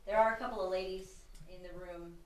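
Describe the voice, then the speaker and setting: A woman's voice: lowish voice, fairly even intonation, brisk, a little hiss or hum. A middle-aged woman telling stories to a tour group while guiding them around an old building she owns. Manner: chatty, laughs at herself. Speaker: tour guide and building owner. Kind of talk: casual storytelling to a tour group. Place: large old empty building indoors. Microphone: no mic, heard from a distance. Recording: echoey room from far off.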